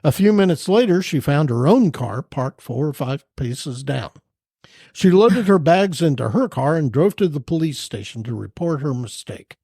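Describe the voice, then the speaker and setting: Male podcast host, animated storyteller, slightly high voice, dry close mic. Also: moderate pace, breathy edge, no echo. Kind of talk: casual joke-telling chat.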